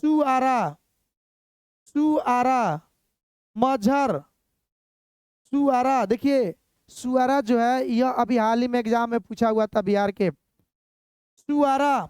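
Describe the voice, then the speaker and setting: Slow, high-voiced woman teacher. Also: darkish tone, clear, resonant tone, dry recording. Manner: drills terms by repeating them over and over. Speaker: exam coaching teacher. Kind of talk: slow repetitive exam-prep lesson with memory tricks.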